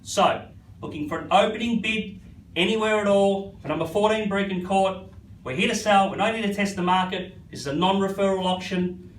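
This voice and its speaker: A high-pitched Australian man runs a live property auction with repetitive patter, naming bidders as he goes. His voice rings with echo and sits a little back from the mic, with faint noise behind it. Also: moderate pace. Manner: repetitive, addresses bidders by first name. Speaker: real estate auctioneer. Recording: echoey, slightly distant, faint background noise.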